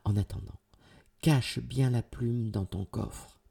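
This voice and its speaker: A man voicing a kind magical male bird in a storybook tale, calm and reassuring. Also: mid-range voice, slow pace, vocal fry, breathy edge, exaggerated voice. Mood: grateful.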